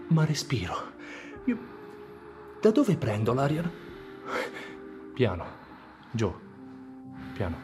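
A man playing a maimed young soldier, deaf and blind and trapped in his body, in a dramatic monologue, swinging between anguished cries, whispers and numb calm. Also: mid-range voice. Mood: desperate. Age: young adult.

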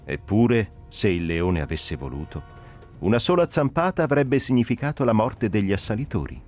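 Male audiobook narrator, low and very lively delivery, faint music bed. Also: moderate pace. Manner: expressive, rising and falling with the drama. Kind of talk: dramatic audiobook reading.

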